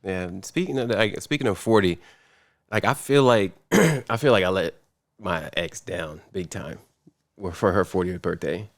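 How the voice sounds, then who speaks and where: A man of thirty-seven co-hosting a podcast, talking in a relaxed, casual way with slang and supportive back-and-forth. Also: sits low, a little slow. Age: 30s. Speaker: podcast co-host. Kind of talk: casual chat.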